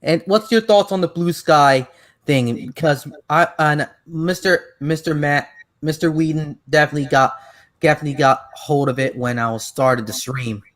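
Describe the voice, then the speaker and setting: A man's voice: a little high, fairly bright tone. A man hosting a casual online podcast, rambling and restarting his sentences with lots of "like". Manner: rambling, halting, heavy on "like" restarts. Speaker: podcast host.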